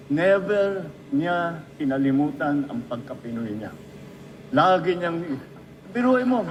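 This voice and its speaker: Filipino-accented man, high-pitched, anecdotal tribute speaker with faint background noise. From Philippines. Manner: storytelling, addresses the listener directly. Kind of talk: anecdotal speech.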